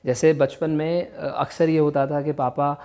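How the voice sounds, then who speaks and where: A man's voice: fairly high pitch, little pitch movement, mellow. A man teaching vocabulary, explaining patiently and repeating each word carefully. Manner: explains slowly, repeats words carefully, switches between Hindi and English. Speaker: English teacher. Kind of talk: bilingual vocabulary lesson.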